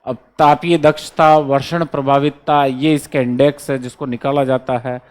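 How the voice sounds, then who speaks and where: At normal speed and with a flat delivery, a medium-pitched male teacher runs an exam-prep lecture, going through memory codes letter by letter. He keeps checking with students and repeating the important points.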